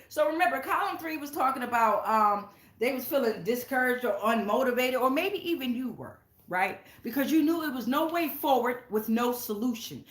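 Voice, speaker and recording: A woman with a high, somewhat bright voice hosts her own channel, giving a casual spiritual tarot reading from home. She addresses viewers directly, emphatic and blunt, with plenty of swearing, and the sound is roomy.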